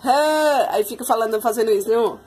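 A woman's voice: fairly high pitch, lively intonation, normal speed. A young Brazilian woman, a mother of triplets, chatting casually to viewers at home while soothing her babies. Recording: loud background noise, babies crying.

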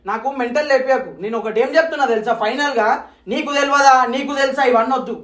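A man's voice: very high-pitched, fairly bright tone. A young man with a Telangana accent, arguing angrily and accusingly in a vlog. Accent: Telangana Telugu. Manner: angry, accusing, rapid-fire. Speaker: vlogger. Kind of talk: heated couple argument. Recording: roomy echo.

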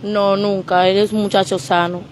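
A young woman answers a street reporter outdoors. She speaks in a flat, level voice. Her tone stays subdued with little rise and fall. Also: mid-range voice, normal speed, slight background noise. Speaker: interviewee, relative of missing man. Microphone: handheld mic held to her.

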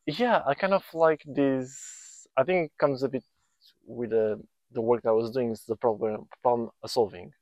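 Speaking at a moderate pace in a steady, mid-range, slightly mellow voice, a volunteer builder in his thirties is interviewed outside on a countryside building site. His first language is Portuguese, so he often hesitates and restarts sentences while looking for words. The lapel mic picks up no room sound.

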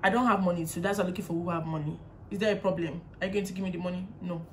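A young woman with a Nigerian English accent telling a storytime vlog casually, animated and often laughing while mimicking others. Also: lowish voice, very fast, slight background noise. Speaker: vlogger.

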